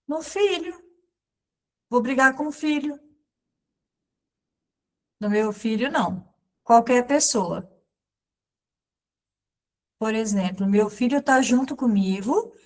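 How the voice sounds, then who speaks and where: Slow-speaking woman catechist. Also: on the high side. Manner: slow, simple explanations with many pauses and examples. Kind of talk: catechism lesson, spoken alongside sign language.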